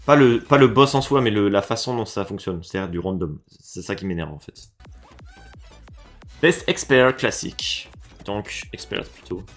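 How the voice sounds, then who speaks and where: A man from France giving casual reaction commentary on video game levels, swinging between low mutters and excited, swearing outbursts. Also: brisk, few pauses, soft background music. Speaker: reaction streamer.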